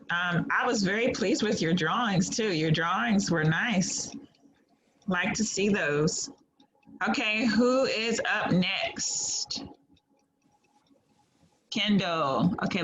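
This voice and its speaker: A woman's voice: lowish voice, a bit bright. A woman teaching an online class on a video call, patiently encouraging students and sorting out audio trouble. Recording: slightly muffled call audio, faint noise.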